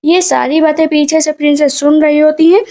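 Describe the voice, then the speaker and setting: Woman film-recap narrator, high voice, soft dark tone, colloquial storytelling. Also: level tone, a little fast.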